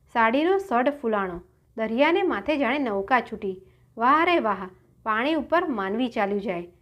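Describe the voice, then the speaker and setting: High-voiced woman telling a folk tale. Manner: dramatic, exclaiming. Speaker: storyteller. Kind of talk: expressive folk tale narration.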